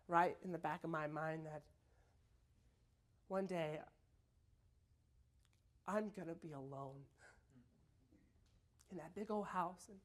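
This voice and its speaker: A young man performing a dramatic prose interpretation as a college competitor, halting and repeating phrases, swinging from hushed lines to shouting. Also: a little high. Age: young adult.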